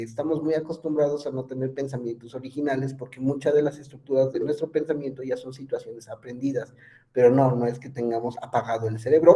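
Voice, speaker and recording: A man's voice: medium pitch, mellow. A man giving an online psychology lecture, chatty, quizzing his students and using lots of fillers. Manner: conversational, asks students questions, many fillers.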